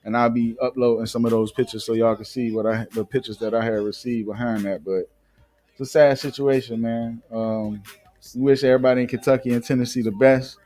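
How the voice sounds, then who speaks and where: A warm, mid-range male voice with fairly even intonation and a fairly quick delivery belongs to an Atlanta live-show host. His casual chatting and news reading are loose and filler-heavy, and he frequently restarts.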